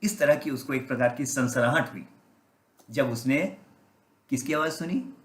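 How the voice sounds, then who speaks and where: A male pastor tells a parable as a sermon. His voice sits in an ordinary middle pitch. He keeps asking his congregation questions and slips in English phrases, and the room gives his voice a clear echo. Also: moderate pace. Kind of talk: storytelling sermon. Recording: roomy, echoey sound.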